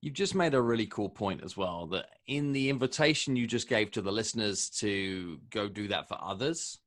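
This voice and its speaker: Fairly low-voiced guy hosting a podcast, slow winding questions, sounds like a call. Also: expressive, fairly bright tone. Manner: measured, long winding questions. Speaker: podcast host. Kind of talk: interview host.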